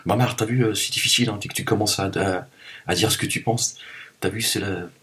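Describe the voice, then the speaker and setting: A man's voice: on the low side, fairly even intonation, fairly quick, a bit bright. A man with a Parisian accent talking at home in a casual, joking, rambling vlog, with teasing asides. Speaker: vlogger. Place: home, cold room.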